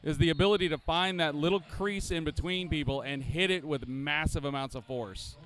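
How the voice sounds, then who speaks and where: A man's voice: fairly high pitch, normal speed, a bit bright. A man from the southeastern United States doing color commentary at roller derby, rambling with fillers and restarts.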